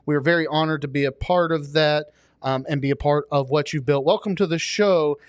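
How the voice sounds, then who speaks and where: A man's voice: a little high, fairly quick, clean tone, no echo, studio quality. A man hosting a podcast, introducing and welcoming his guest in a friendly way. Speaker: podcast host. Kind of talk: casual interview talk.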